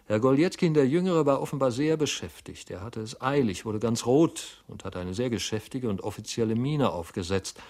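A man narrating a classic novel in measured storytelling with lively emphasis. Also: medium pitch. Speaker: reader. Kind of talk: literary narration.

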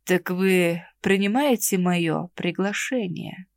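A woman voicing a haughty, mocking male necromancer in an audiobook, with a slow, languid, predatory drawl. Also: fairly low pitch, gravelly, no room sound. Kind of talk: audiobook character reading.

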